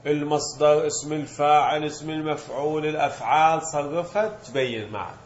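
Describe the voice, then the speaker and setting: A male teacher walks through a grammar lesson step by step, asking questions and then answering them himself. His voice sits a little high. The recording is dull and lo-fi. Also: brisk, slight background noise. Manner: mixes colloquial Gulf Arabic with classical terms. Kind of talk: Arabic morphology lesson.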